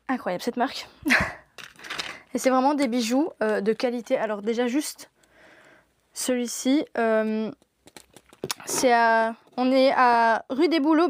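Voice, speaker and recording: A woman's voice: high-pitched, a little hiss or hum. A young woman presenting products in a shop during a live stream, gushing and laughing often.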